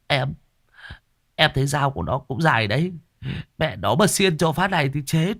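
A man voicing a cheeky, shameless drunk young man who talks in a high, brash, teasing voice. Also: very animated, slow pace, pushed and bright, heavily acted. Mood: panicky stammering.

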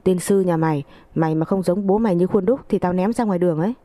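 A foul-mouthed, spiteful older village mother-in-law, as a woman narrator puts her on, who spits out coarse insults and belittling tirades. The voice sits low and dark. It is a story reading in a dry, close setting. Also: quick pace, no echo, lightly acted. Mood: abusive scolding.

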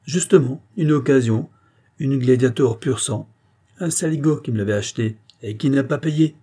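A man voicing a boisterous old former clown who runs a gym, hearty and loud. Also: mid-range voice, moderate pace, voice pushed up, lightly acted. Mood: sly.

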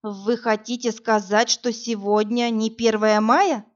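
An agitated young woman, as a female narrator voices her, pressing her point insistently. Her pitch is fairly high, and the recording is dull and lo-fi. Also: steady tone, measured pace, lightly acted. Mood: indignant. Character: indignant young woman office worker.

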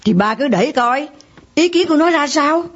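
An actress playing a young daughter in a radio drama who tries to calm a family quarrel. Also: female voice, high-pitched, normal speed. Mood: placating. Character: young daughter, sibling peacemaker. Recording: dull lo-fi radio drama recording.

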